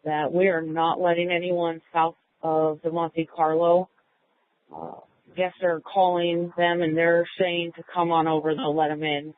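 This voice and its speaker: A man's voice: on the high side, no room sound. A male officer giving firm procedural advisories over police radio on a narrowband scanner feed.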